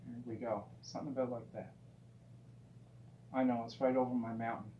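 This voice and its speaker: A man teaching painting in a gentle, easygoing, encouraging way, casually talking through each step as he demonstrates. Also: mid-range voice, little pitch movement, a little fast. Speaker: painting instructor. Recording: dull, roomy sound with faint hum.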